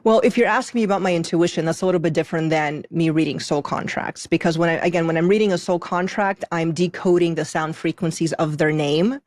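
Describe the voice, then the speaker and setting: A woman from Moldova who moved to the US at eight appears as a podcast guest, emphatically explaining her work as an intuitive soul contract reader and adding check-in questions. Her fairly low, slightly mellow voice moves fast with hardly any pauses, captured in clean studio sound without echo.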